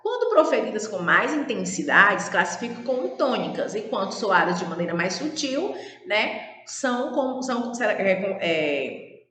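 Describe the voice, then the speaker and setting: A woman's voice: mid-range voice, big pitch swings, unhurried, a bit bright. Woman teacher going over grammar, kinda formal, lots of tag questions, echoey room w/ long reverb. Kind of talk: grammar lesson.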